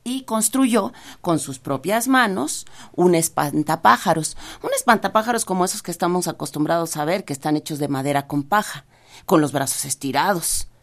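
Expressive Mexican woman telling a folk tale. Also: fairly low pitch. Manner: lively, expressive storytelling with dramatic pauses. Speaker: storyteller.

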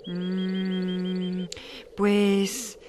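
A woman playing an expressive, worried hiker lost in the woods in a children's audio drama. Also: fairly low pitch, very slow, a little hiss or hum. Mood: curious.

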